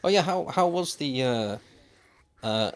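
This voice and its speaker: A man's voice: fairly high pitch, expressive, a little slow. A man streaming a survival game, chatting casually to viewers with dry, wry asides. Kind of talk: casual gameplay commentary. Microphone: desk microphone.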